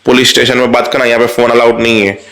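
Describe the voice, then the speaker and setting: A man's voice: medium pitch, completely flat delivery, fast, fairly bright tone. Man casually recapping a soap episode. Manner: retells the plot, briefly voicing characters' lines; light asides to viewers. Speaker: TV serial recap host.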